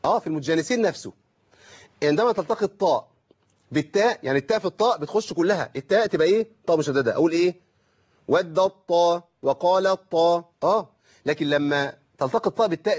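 A man with an Egyptian accent, teaching Quran recitation on a call-in lesson and explaining through rhetorical questions and slowly drawn-out examples. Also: fairly high pitch, slightly rough, muffled recording.

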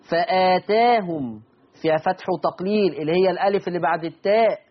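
Man, Egyptian accent, recitation teacher, repeats words slowly, dull muffled sound. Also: a little high, breathy edge. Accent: Egyptian Arabic. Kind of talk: explaining recitation rules.

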